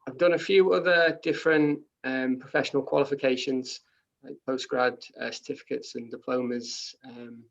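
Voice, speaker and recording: A Welsh man in his thirties, a guest speaker chatting casually on a video call, relaxed with lots of ums, trailing off quietly. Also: medium pitch, gravelly. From Wales. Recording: dull lo-fi call audio.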